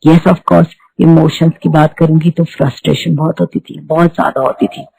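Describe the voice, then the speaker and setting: A woman's voice: low-pitched, flat delivery, moderate pace, creaky, warm tone, breathy edge, dry recording, poor audio. A middle-aged woman, telling her spiritual testimony earnestly and repeating herself as she goes. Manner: earnest, repetitive storytelling with restarts. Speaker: devotee giving testimony.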